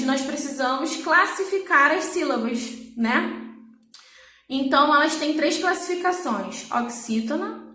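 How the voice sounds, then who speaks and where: A woman's voice: sits high, bright, forceful tone, reverberant. A woman teaching a Portuguese lesson, explaining patiently and checking in with her students. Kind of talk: recorded online class.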